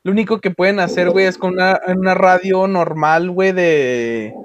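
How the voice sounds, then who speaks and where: A man's voice: high voice, steady tone, moderate pace, dull audio. A young man with a Mexican accent chatting casually in slangy, heavily sweary street talk. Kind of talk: casual chat.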